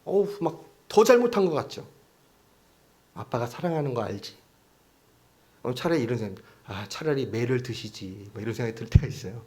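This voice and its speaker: A man's voice: mid-range voice, very animated, a little fast, pauses often, a little mellow. A male pastor preaching a sermon in a church, talking conversationally, often asking the congregation questions and acting out quotes.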